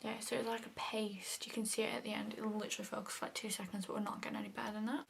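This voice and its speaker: A young woman vlogger chats very fast through a casual makeup tutorial, her mid-range voice level in tone and touched with vocal fry. She fills her talk with "like" and often drops to a half-whisper. There's a little hiss or hum in the audio.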